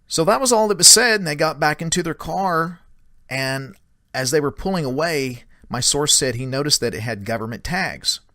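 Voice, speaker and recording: A man casually retelling a secondhand story in a conversational way, with many small pauses and "he said" tags. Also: fairly high pitch, lively intonation, bright, forceful tone, no echo, studio quality. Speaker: paranormal storyteller.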